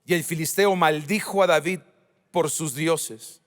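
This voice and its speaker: A man preaching as a pastor, with emphatic swings in pitch and volume. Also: measured pace. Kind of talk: sermon. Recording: church hall reverb.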